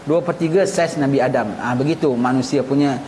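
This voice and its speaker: A Singaporean man with a Singaporean Malay accent, speaking at medium pitch in a brisk, slightly mellow voice, gives a religious lecture as an Islamic teacher. He reads from a text and explains it colloquially, in a conversational style full of repeated phrases and rhetorical questions. The room is echoey, and background noise is clearly audible.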